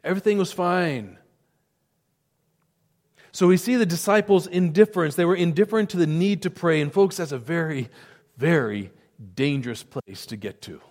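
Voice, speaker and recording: A man's voice: fairly high pitch, moderate pace, long pauses, a little mellow. A man preaching a sermon as pastor, earnest and emphatic, often repeating words for stress. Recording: long reverb of a hall.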